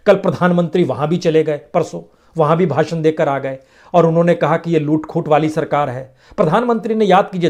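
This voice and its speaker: A man's voice: on the high side, darkish tone. A middle-aged man giving political news commentary, emphatic, listing items in repeated rhythmic phrases.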